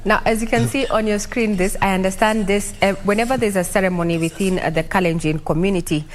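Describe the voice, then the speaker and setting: A woman's voice: mid-range voice, fairly even intonation, fast talker, slight background noise. A woman with a Kenyan accent anchoring live broadcast commentary. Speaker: news anchor.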